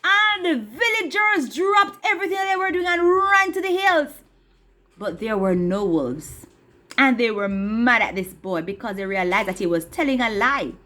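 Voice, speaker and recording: Woman, high voice, children's storyteller, animated, asks the kids questions. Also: moderate pace.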